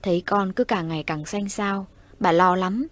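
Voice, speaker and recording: A woman narrating a ghost story in a steady storytelling voice. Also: mid-range voice, moderate pace, no echo. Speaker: audiobook narrator.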